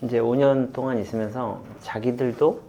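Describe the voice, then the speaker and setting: Reflective man recounting stories, halting. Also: medium pitch, fairly even intonation, mellow, lo-fi sound. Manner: halting and reflective, many fillers, laughs while retelling. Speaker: football coach interviewee. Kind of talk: candid interview.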